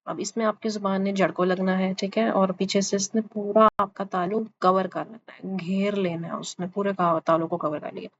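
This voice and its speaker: A woman's voice: medium pitch, fairly even intonation, hardly any pauses. A woman teaching Quran pronunciation in a class, who patiently repeats each letter sound for her students to copy. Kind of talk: online class lesson. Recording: slightly dull lo-fi audio with faint background hiss.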